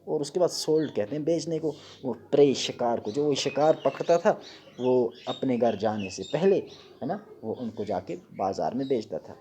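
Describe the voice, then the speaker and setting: A man's voice: mid-range voice, expressive, warm tone, a little hiss or hum. Man teaching a children's reading lesson. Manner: reads English slowly word by word, then explains in Urdu with many "hai na" tags.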